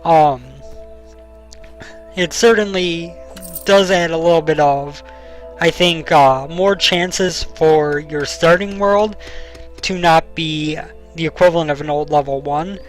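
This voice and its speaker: A young man narrates his game session in a relaxed, explanatory way, his voice sitting a little high. He fills pauses with ums while he has the hiccups. Faint game music runs underneath. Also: poor audio. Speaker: let's play host. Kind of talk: casual gameplay commentary.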